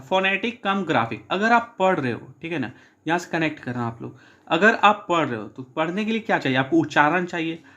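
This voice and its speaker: A male teacher giving an exam-prep lecture, reading English points slowly and then explaining them with frequent checks with his students. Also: fairly high pitch, a bit bright.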